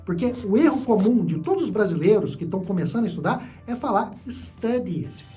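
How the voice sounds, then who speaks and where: A man's voice: sits high, very animated, fast, mellow, faint music behind. A man teaching an online English lesson, explaining patiently and often checking in with short tag questions. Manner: explanatory, repeats key points, frequent "né?" and "tá?" checks.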